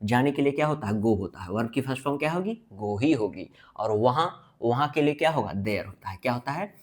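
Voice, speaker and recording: Guy teaching english grammar at a board, asks a question then answers it himself, drags out the example lines slow, regular mid voice. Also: mid-range voice, expressive. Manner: drawn-out emphasis on example sentences. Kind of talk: blackboard grammar lesson.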